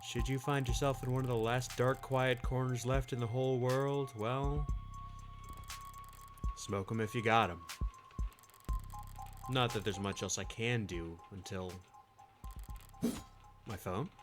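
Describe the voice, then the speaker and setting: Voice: medium pitch, fairly even intonation, a little slow, pauses often, over music, natural voice. A live streamer voicing a weary, hard-boiled defense attorney, narrating in a dry noir voice-over. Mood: world-weary.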